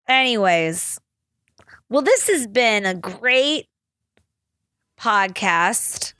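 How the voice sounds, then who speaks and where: Young woman, podcast host, casual storytelling, rambling, filler-heavy, unhurried, dry close sound. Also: mid-range voice, expressive, pushed and bright, clear, resonant tone, dry recording. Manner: rambling, full of "like" fillers, laughs often.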